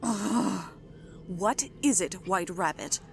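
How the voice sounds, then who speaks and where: A woman performs an imperious, possessive queen from a fairytale audio drama. She speaks slowly and deliberately in a medium-pitched, commanding regal voice. Faint ambient noise sits behind her. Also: creaky. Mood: haughty, annoyed. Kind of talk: audio roleplay drama acting, ASMR.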